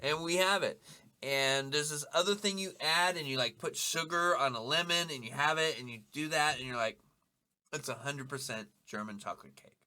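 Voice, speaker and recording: A man co-hosting a casual podcast chat, telling animated stories, swearing freely and acting out quotes loudly. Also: a little high, moderate pace, clean tone. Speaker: podcast co-host.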